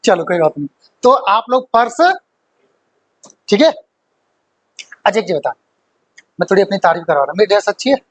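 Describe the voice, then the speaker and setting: A man's voice: high voice, lively intonation, fairly quick, long pauses, low-quality recording. Playful, teasing male grammar teacher. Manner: playful and teasing, jokes and quizzes students, laughs often. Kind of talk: exam-prep grammar lesson in Hindi with English examples.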